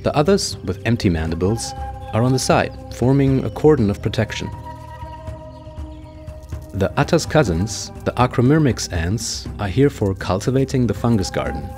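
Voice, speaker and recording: A man narrating a scripted nature documentary in a measured, explanatory way. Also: medium pitch, expressive, a little mellow, faint music behind.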